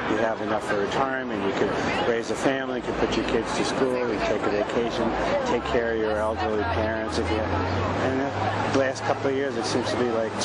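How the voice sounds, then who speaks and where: A man giving a street interview, reflective with loose phrasing. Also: fairly low pitch. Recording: loud crowd and street noise.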